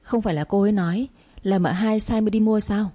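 A woman's voice: medium pitch, steady tone, mellow, lightly acted. Woman voicing a frail weary young master. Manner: weak, tired, measured. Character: frail sickly young master, calm and reasonable.

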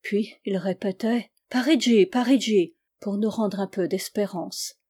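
A woman narrating a literary story as an audiobook, with expressive, dramatic delivery. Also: medium pitch, a little slow, husky. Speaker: audiobook reader.

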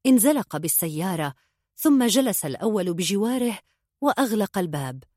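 A woman narrating a novel in a steady, measured storytelling voice. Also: on the low side, no room sound, clean studio sound. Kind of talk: audiobook narration.

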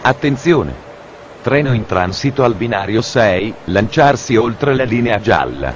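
A man making deadpan, formal mock train announcements, as if heard over a train station PA system. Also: fairly low pitch, measured pace, lo-fi sound, a little hiss or hum.

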